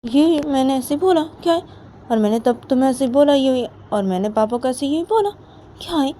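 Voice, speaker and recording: A woman's voice: high voice, expressive, quick pace, mellow, a little hiss or hum, voice pushed up. A woman voicing a fiery, irritated young woman who snaps and keeps demanding to be let go. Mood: shrill anger. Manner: snappish, repeats "let go of me".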